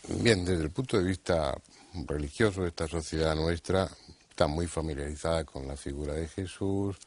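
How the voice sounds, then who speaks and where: A man from Spain hosting a studio discussion, talking in a measured, thoughtful way with frequent hesitations. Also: rumbling low. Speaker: TV talk show host.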